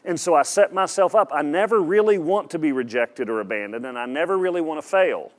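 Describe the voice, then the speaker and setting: A man's voice: fairly high pitch, expressive, brisk. A man preaching a sermon to an audience in a hall, emphatic and direct, often asking the listeners questions and repeating his words. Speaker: pastor.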